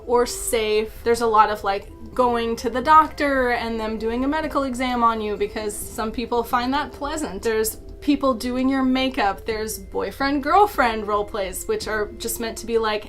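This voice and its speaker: A woman's voice: on the high side, a bit bright. A young woman, a YouTube creator, chatting casually as she explains something, with frequent "like" fillers and self-deprecating asides.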